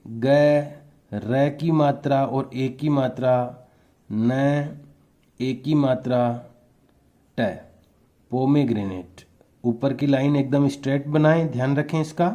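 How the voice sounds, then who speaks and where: A man teaching a spelling lesson to young children, spelling words out letter by letter in a patient, deliberate way. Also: a little high, warm tone.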